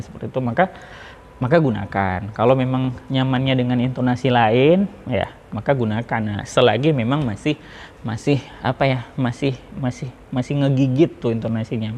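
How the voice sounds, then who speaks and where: A man talks through a lesson on how to deliver a sermon, in a loose, chatty manner full of fillers and restarts. His voice sits at an ordinary middle pitch. A faint hiss runs underneath. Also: darkish tone. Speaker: public speaking teacher. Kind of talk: informal lesson on preaching delivery.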